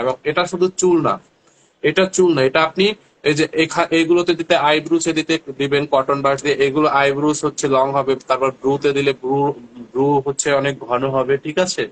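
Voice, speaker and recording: Young man from Barishal, chatty live seller, slightly high voice, talks right to viewers. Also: a bit bright, poor audio. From Barishal, Bangladesh. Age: young adult. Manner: chatty, addresses viewers directly, many fillers. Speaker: live sales host. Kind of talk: casual livestream selling.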